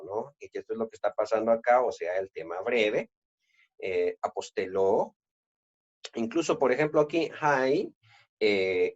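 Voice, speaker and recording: A man explaining Greek verb forms in a lesson, with many "eh" fillers as he thinks aloud. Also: medium pitch. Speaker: Greek teacher. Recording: dull lo-fi sound.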